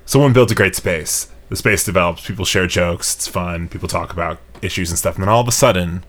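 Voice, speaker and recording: Guy with a really low voice, rambly podcast chat, kinda self-deprecating. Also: fairly quick, fairly bright tone. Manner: rambling, self-deprecating, trails off mid-thought. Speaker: podcast co-host. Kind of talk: casual chat.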